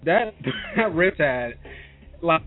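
A man's voice: on the high side, very animated, slow pace. A man with an American accent in casual, slangy chat as a podcast co-host talking games. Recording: tinny phone-like voice call, music behind.

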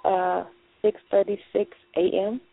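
A woman's voice: medium pitch, flat delivery, unhurried, gravelly. A woman in her thirties from Louisiana, calling in and asking hesitantly about her love life. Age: 30s. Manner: hesitant, with many ums. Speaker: caller. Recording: tinny phone line.

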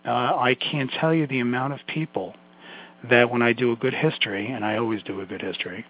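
A man's voice: mid-range voice, steady tone, brisk. A man with a Brooklyn accent giving an informal health lecture, addressing listeners directly in a folksy way with emphatic asides. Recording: muffled, phone-like lo-fi audio.

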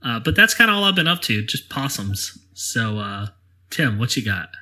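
A man's voice: mid-range voice, big pitch swings, normal speed, bright, forceful tone. A man with a Southern US accent, co-hosting a podcast and telling a rambling story with lots of laughs and "like". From Alabama. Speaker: podcast co-host. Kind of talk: casual chat, storytelling.

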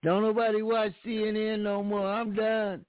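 This radio show host has a high voice and a flat delivery at a moderate pace, yet he's playful, repeating his phrases for effect and throwing in old-timey mock exclamations during a casual chat. The recording is dry and sounds tinny, like a phone line.

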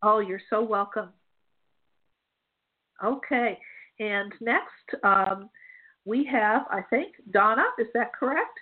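A woman's voice: mid-range voice, slow pace, pauses often. A woman hosting a call-in psychic show, chatty and reassuring, laughing easily as she passes on messages. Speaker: psychic medium host. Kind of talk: call-in radio reading. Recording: tinny phone-line sound.

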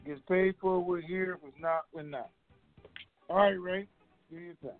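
A man's voice: sits high, fairly even intonation, moderate pace, no room sound, faint music behind. A man talking in a rambling, offhand way as a regular guest, heard over a conference phone line. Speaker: regular guest on a call-in show. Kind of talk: casual phone call talk. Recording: tinny dry phone line.

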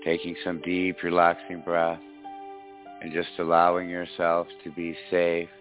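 Deep-voiced man leading slow guided meditation. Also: monotone. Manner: slow, soothing, hypnotic delivery with pauses and repetition. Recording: dull lo-fi audio, music behind. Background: faint music.

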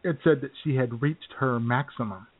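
A man with a mid-range voice at normal speed co-hosts a podcast. He keeps things casual, cracking jokes, being sarcastic and laughing often, over tinny, phone-like sound.

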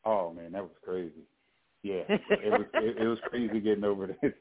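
Lowish-voiced man on narrow phone audio. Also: big pitch swings, normal speed, gravelly. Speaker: sports show panelist. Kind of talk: casual chat.

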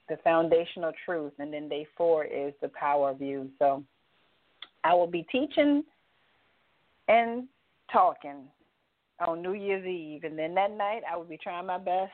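Low-voiced woman coach on a phone line. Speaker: co-host and life coach. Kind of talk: call-in radio talk. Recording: tinny phone-line sound.

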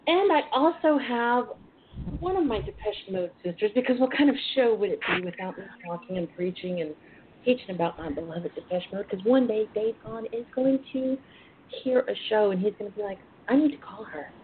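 A woman's voice: medium pitch, expressive, a little fast. Sassy woman hosting over a phone-like line. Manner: sassy, bawdy, uses endearments. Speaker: radio talk show host. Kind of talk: casual, chatty internet radio hosting. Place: front porch at home. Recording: phone-like internet radio line with hiss.

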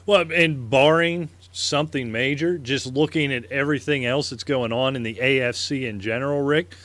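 A man co-hosting a fantasy sports show, talking football emphatically in casual chat and repeating words when excited. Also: mid-range voice, moderate pace, no echo. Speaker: fantasy sports podcast co-host.

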